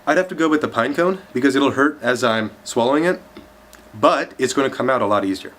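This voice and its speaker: A man's voice: medium pitch, lively intonation, a little fast, a bit bright. A man telling a long joke to his viewers in a chatty, rambling way with lots of fillers. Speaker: vlogger. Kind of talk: casual joke-telling vlog.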